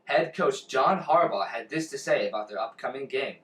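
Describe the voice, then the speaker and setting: A man playing a gloomy, punning poet who reads sports news in a deadpan way. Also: medium pitch, moderate pace, lightly acted. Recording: echoey room, off-mic.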